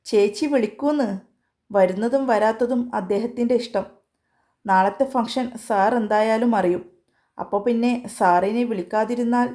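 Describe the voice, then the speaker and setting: A young woman in a storybook tale who holds back her own heartbreak as a woman voices her. She speaks quietly and with restraint, in a mellow, dark voice. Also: on the high side, moderate pace, close to an everyday voice. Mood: calm.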